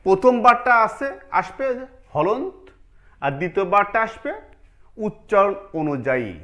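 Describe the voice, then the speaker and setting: A man's voice: high-pitched, fairly bright tone. A man teaching an online pronunciation lesson, explaining step by step, repeating key points and putting questions to his students.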